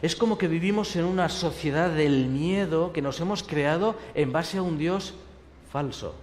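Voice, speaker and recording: Male pastor with a Spain Spanish accent, lively rhetorical sermon, higher-pitched voice, long hall reverb. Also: moderate pace. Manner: lively preaching with rhetorical questions, dropping to a soft hush for quoted comfort.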